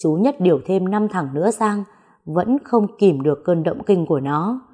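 A woman tells a dramatic story in a low, mellow voice with a husky edge. She reads steadily and voices each character's lines herself. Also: lively intonation, normal speed. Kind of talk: scripted audio story narration.

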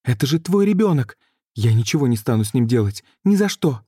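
Guy doing a high shaky scared young sorceress, shouty, audiobook, dry sound. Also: big pitch swings, brisk, husky, dry recording. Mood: screaming defiant. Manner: shrill, high and trembling. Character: frightened young sorceress, pleading and defiant.

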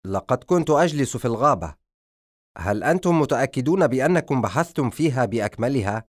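A man's voice: medium pitch, animated, fast, no room sound, studio quality, close to an everyday voice. A man voicing a young boy hero in an audiobook story, raising his voice insistently. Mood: defensive.

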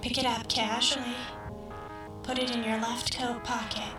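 A woman voicing a calm female rescue-team voice that gives covert instructions in a flat, measured monotone. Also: on the high side, close to an everyday voice. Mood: flat instructing. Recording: echoey, distant, over loud music.

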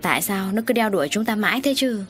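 A woman voicing a gruff scolding harbor boss. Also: mid-range voice, lively intonation, fast, soft background music, close to an everyday voice. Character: stern middle-aged man, harbor boss.

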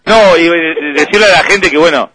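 A Uruguayan man co-hosting a radio sports show, chatting casually with halting restarts. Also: on the high side, pushed and bright, slightly rough, no room sound. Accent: Uruguayan Spanish. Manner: hesitant, full of restarts, chuckling.

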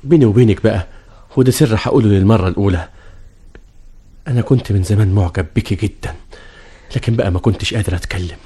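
An actor with an Egyptian accent playing a flattering middle-aged suitor in an old radio drama. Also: male voice, on the low side, fast, pauses often, slightly rough. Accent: Egyptian Arabic. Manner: flattering, wheedling.

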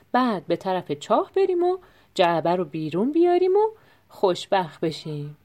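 A woman calmly narrating a folk tale as an audiobook reader, in an even storytelling manner. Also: mid-range voice.

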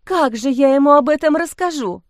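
A woman voicing a flustered, tearful young gentlewoman who pouts and whimpers. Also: animated, no echo, clean studio sound. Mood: plaintive. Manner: high, plaintive and quick to whimper.

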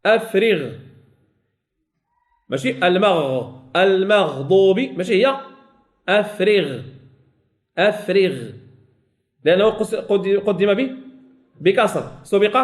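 A Moroccan man with a rather high voice teaches a tajweed class. He stretches each sample word out slowly and repeats it. Between the examples he corrects his pupils and checks that they follow. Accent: Moroccan Arabic. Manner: slowly drawn-out sample words, repeated to students. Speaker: Quran recitation teacher.

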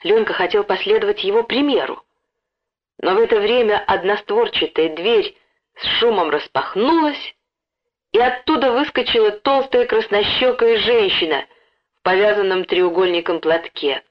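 Woman storybook narrator, lively and expressive, mid-pitched, dull lo-fi recording. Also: normal speed. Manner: lively, acts out the dialogue. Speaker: audiobook narrator.

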